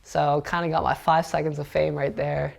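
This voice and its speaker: A man's voice: a little high, flat delivery, normal speed, creaky. Young man casually recounting a crash. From Delaware, USA. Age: young adult. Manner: casual, fills talk with "like" and "I was like". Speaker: motocross racer. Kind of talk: interview storytelling.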